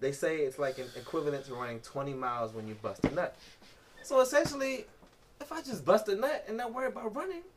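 Talking fast in a fairly high voice, a man hosts a casual podcast, reading articles aloud and riffing with profanity and jokes. The background is noisy.

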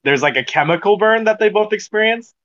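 A young man co-hosting a podcast, talking in an animated, playful way and swearing often. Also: high-pitched, fairly quick, highs cut off. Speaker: podcast co-host. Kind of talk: casual chat.

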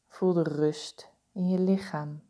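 Slow, mellow-voiced woman guiding meditation. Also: on the low side. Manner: slow, soothing, calm instructions. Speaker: meditation guide. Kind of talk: guided body-scan meditation.

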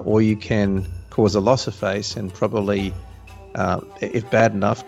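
A man hosting a podcast, summing up in a deliberate, somewhat formal conversational way. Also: lowish voice, gravelly. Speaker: podcast host. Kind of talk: conversational discussion and summarizing.

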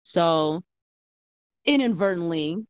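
A young woman, a bartender, telling stories in a casual, animated chat full of fillers. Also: on the low side, slow pace, no echo. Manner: animated storytelling with many fillers. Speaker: guest bartender.

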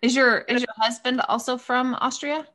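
A woman's voice: high-pitched, fairly even intonation, moderate pace, bright, forceful tone. A woman hosting a podcast, introducing her guest and interviewing her in an enthusiastic, encouraging way. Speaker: podcast host.

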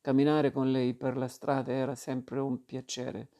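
A man narrating a literary novel in the first person, in a calm and measured way. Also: mid-range voice. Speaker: audiobook narrator. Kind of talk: literary audiobook reading.

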